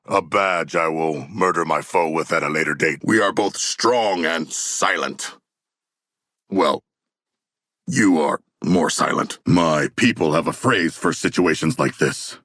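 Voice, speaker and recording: A man's voice: very deep voice, measured pace, fairly bright tone, dry recording, studio quality, exaggerated voice. A man playing a huge humanoid shark warrior in a video game, earnest and literal-minded, with formal, stilted, grandiose diction and a battle-hungry pride. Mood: proud, formal. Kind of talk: video game character voice lines.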